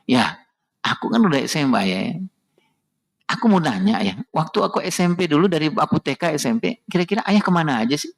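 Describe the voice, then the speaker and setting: A man voicing his teenage son, who quietly and earnestly questions his father during a mosque parenting talk. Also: on the high side, very animated, brisk, vocal fry, exaggerated voice. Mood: questioning.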